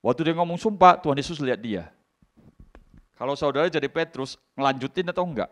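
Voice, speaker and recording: Dramatic preacher man, lively pitch. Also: a little fast. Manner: dramatic preaching, swings from hushed to loud, acts out voices, repeats "saudara". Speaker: pastor. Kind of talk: sermon. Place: church hall.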